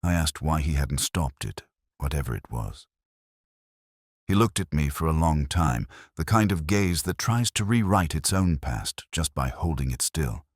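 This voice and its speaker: An extremely deep, cavernous male narrator recounts a noir detective story in first person, measured, brooding, and expressive, with each sentence rising and falling. The audio is close and fully dry, carrying no room ambience.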